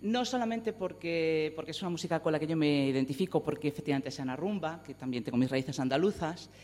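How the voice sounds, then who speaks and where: A woman gives an earnest, measured testimony as a psychology lecturer at a round table. She moves between an academic tone and a personal one. Her voice rings with the long reverb of a large hall. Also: deep voice, dark tone, slight background noise. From Madrid, Spain.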